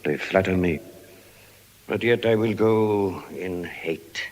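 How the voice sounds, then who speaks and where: Slow, low-voiced old Shylock. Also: male voice. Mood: grudging, bitter. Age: older. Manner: declamatory, deliberate, grumbling. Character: suspicious, miserly old moneylender and stern father. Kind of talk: classical Shakespearean stage acting. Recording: long reverberant hall studio drama.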